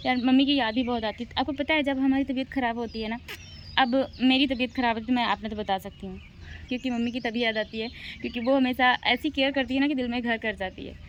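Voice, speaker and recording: A young woman vlogging casually at home, soft and emotional as she reflects, still recovering from being unwell. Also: fairly high pitch, fairly even intonation, fast talker, muffled recording, a little hiss or hum. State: recovering from illness. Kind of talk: casual vlog talk to camera. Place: at home, near singing birds. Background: birds chirping.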